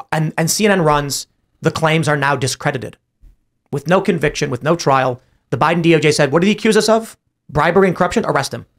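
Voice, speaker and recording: A man hosting a political talk show, telling stories with animated retellings and imitating other people in raised voices. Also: on the high side. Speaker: podcast host.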